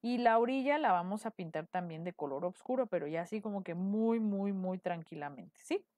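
A decorative painting teacher with a Mexican Spanish accent chats through a live painting tutorial, checking in with her viewers often. Her mid-range voice is animated and a little mellow, at a moderate pace with no echo.

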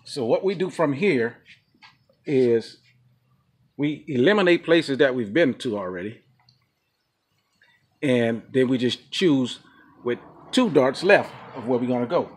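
A man's voice: medium pitch, expressive, measured pace, pauses often, husky. A man in his forties co-hosting a casual road-trip vlog, explaining things to viewers in an upbeat, easygoing way. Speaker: vlog co-host. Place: outdoor patio and garage of a home. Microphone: camera a few feet away.

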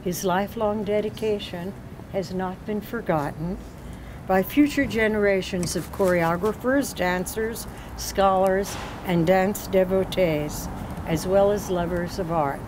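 Street noise surrounds an older woman hosting a ceremony by a doorway on a city street, where she reads formal introductions from notes into a podium mic with a few small slips. Her medium-pitched voice is unhurried.

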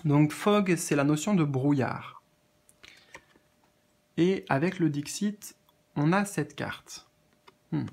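A man with a slightly high voice gives a spiritual card reading to his viewers. He speaks gently and hesitantly, filling his pauses and repeating words as he searches for them. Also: vocal fry. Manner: gentle, addresses viewers as friends. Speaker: tarot card reader.

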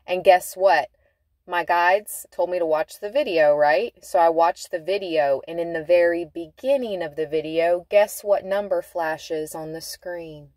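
Slow, low-voiced woman reading tarot. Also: darkish tone, dry recording. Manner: chatty, laughing, drawn-out emphatic words. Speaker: tarot reader. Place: inside a car.

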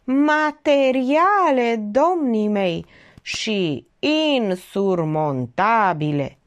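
A woman's voice: sits high, big pitch swings, voice pushed up. A woman voicing a pompous, theatrical older male notary. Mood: solemn. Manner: pompous, theatrical, drawn-out emphasis.

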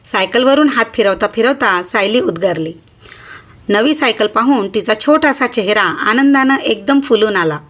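A woman hosting her own channel, narrating a short story in a measured, expressive reading voice. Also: on the high side.

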